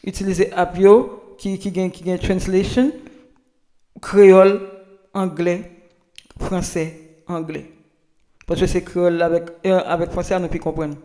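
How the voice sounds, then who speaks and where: This man's voice is high-pitched and mellow, with little movement in pitch, and he speaks with a Haitian Creole accent. He presents an informal pronunciation lesson as a language tips presenter, repeating himself and halting through frequent restarts.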